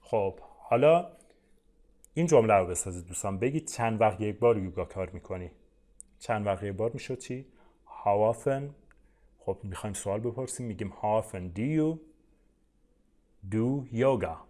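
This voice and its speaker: A man, a native Persian speaker, teaching an online English lesson. He explains in Persian with frequent "uh"s, then says each English example slowly and repeats it. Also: on the low side, expressive, dark tone. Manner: often says "uh" and addresses viewers as "friends".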